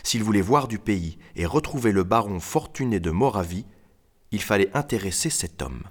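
A man narrating a storybook expressively, swinging high for the characters' lines. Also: lively intonation, normal speed. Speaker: audiobook narrator. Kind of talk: scripted narration. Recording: reverberant room.

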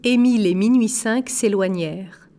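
A woman narrating a storybook aloud in a slow, measured way, lightly voicing the characters. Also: medium pitch, warm tone. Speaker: audiobook narrator. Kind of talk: scripted narration.

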